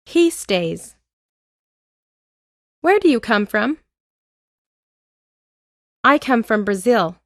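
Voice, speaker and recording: A woman with an American accent reads English lesson drills in a slow, careful cadence. Her voice sits a little high, and the recording is dry and close. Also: a bit bright, dry recording. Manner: clear, deliberate drill reading. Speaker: English teacher. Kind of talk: slow scripted lesson reading.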